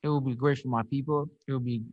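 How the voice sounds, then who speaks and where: A young man with a Barbadian accent, a professional boxer answering press questions on a video call, halting and repeating words as he searches for them. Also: mid-range voice, fairly even intonation. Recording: dry, slightly dull video-call audio.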